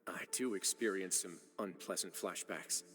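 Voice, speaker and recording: Calm formal game official, lowish voice, soft game music under. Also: male voice. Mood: composed. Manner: measured, formal. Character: composed, dryly polite male official.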